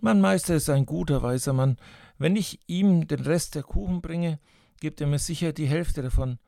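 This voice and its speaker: A man's voice: on the high side, moderate pace, creaky, mellow, dry recording, studio quality. A man voicing a hungry, greedy boy who talks himself into eating more. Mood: scheming. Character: greedy hungry boy, sly and self-justifying.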